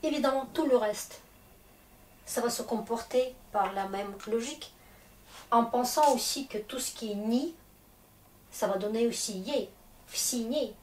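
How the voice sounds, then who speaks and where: A woman's voice: a little high, unhurried, long pauses, darkish tone. A woman who is a Russian teacher and native Russian speaker, explaining grammar patiently and checking often that the class follows. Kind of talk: classroom lesson. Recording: echoey room, distant mic, faint noise.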